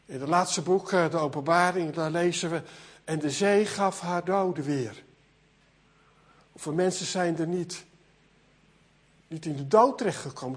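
Husky, high-voiced male preacher. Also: normal speed. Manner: earnest, repeats words when building a point. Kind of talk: sermon.

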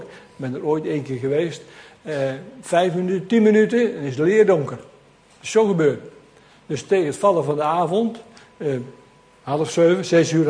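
A man preaches to his congregation, his voice pitched a little high. He tells the story in a lively, conversational way and turns often to address his listeners directly. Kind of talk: sermon.

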